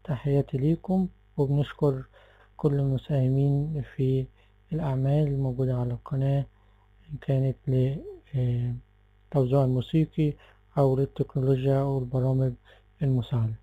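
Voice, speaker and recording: A man with an Egyptian Arabic accent gives a relaxed software tutorial, explaining step by step and often stopping to correct himself. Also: medium pitch, brisk, pauses often, dry recording, phone-quality sound. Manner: relaxed, explanatory, with frequent fillers and self-corrections. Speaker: tech tutorial presenter. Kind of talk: screen-recorded software tutorial.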